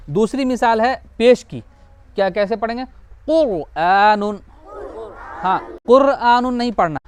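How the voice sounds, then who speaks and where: A man teaching a Quran reading lesson in a classroom style, explaining patiently, repeating each example and answering his own questions. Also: high voice. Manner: drawls out example words slowly to model pronunciation.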